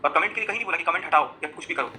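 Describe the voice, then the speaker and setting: A man talks at a racing clip in a bright, cutting, somewhat high voice, agitated and accusatory. He walks through chat screenshots on his phone during a live confessional rant, jumping between emphatic outbursts and quick muttered asides. A faint hum sits behind him. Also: low-quality recording. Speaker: vlogger.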